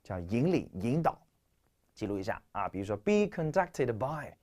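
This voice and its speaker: A man's voice: medium pitch, very animated, moderate pace, mellow. A man from China teaching English vocabulary in a lecture, explaining with rhetorical questions and a stuffy nose. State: stuffy nose, clearing throat.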